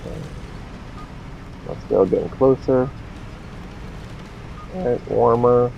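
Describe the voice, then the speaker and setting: A man's voice: mid-range voice, slow pace, creaky, a little hiss or hum. A man streaming a game live, rambling and talking to himself as he plays. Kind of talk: casual live gameplay commentary. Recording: dull lo-fi stream audio.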